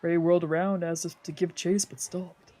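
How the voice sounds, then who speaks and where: In this let's play, a streamer narrates a visual novel aloud dramatically, improvising character voices and making casual asides, while faint game music plays. The medium-pitched voice has a dark tone and flat delivery at normal speed.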